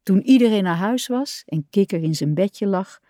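A woman reading a children's storybook aloud in an expressive, warm way. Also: mid-range voice, normal speed, no echo, clean studio sound. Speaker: audiobook reader.

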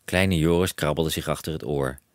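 A man narrating a children's audiobook in a lively storytelling voice, close on the mic. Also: extremely low pitch, moderate pace, no room sound.

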